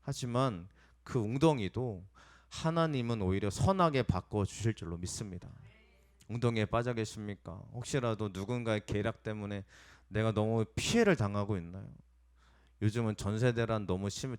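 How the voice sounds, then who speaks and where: A man preaching a Sunday sermon as pastor, talking directly to his congregation, asking them questions and now and then acting out angry shouts. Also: mid-range voice. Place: church sanctuary.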